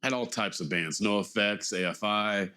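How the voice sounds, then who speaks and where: A male vlogger in his forties talks a bit slowly in a lowish, sharp-toned voice with some congestion. His chat is casual and rambling, full of hesitations, self-corrections and roundabout returns to his point.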